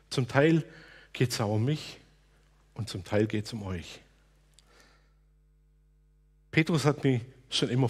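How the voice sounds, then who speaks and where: Preacher, male, slightly raspy voice, earnest and personal delivery. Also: mid-range voice, a little mellow. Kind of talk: sermon.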